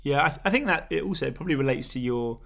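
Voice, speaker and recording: A man in a casual conversation, asking questions in a relaxed, admiring way. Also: mid-range voice, quick pace, gravelly. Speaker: guest interviewer.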